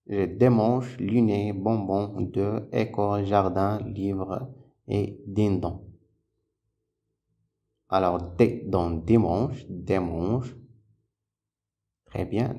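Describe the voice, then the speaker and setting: Man, very slow phonics teacher, gravelly low voice, repeats each syllable. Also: mellow. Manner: patient, repeats syllables and words aloud. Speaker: primary school teacher. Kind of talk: slow phonics lesson for children.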